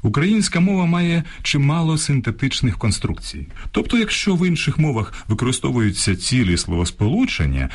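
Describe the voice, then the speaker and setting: A man presenting a language program on radio, reading a script in a measured, instructive way, contrasting correct and incorrect phrases. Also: medium pitch, big pitch swings, faint music behind. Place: radio studio.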